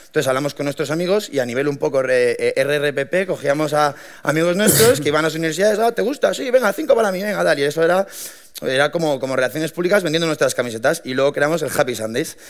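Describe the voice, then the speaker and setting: A young man, telling his founding story to an audience in a lively, colloquial way with many restarts. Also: medium pitch. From Madrid, Spain. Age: 20s. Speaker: young entrepreneur giving a talk.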